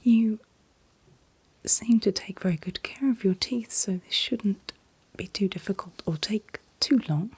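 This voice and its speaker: A woman doing a whispered role-play as a calm dentist, speaking in a breathy whisper with gentle, reassuring, unhurried instructions. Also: medium pitch. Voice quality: breathy, mostly unvoiced whisper. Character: calm, attentive dentist soothing a patient. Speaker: ASMR performer playing a dentist.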